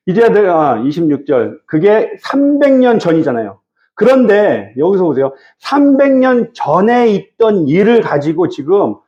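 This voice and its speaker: Male pastor, conversational sermon, high voice with swooping pitch. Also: dark tone, muffled recording. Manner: conversational, addresses the congregation directly; teaches verse by verse. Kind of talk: Wednesday evening sermon.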